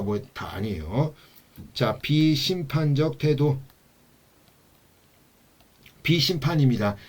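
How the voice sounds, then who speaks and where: A male instructor teaching an exam-prep class in a classroom. He asks rhetorical questions, repeats key terms, and drops to a quiet low voice when he stresses them. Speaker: social work exam instructor.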